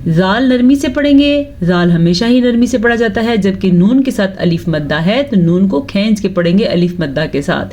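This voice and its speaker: A woman teaching Quran pronunciation, reciting words slowly and breaking them into syllables with patient explanation. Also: medium pitch, lively intonation, darkish tone, a little hiss or hum. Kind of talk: slow tajweed lesson with recitation.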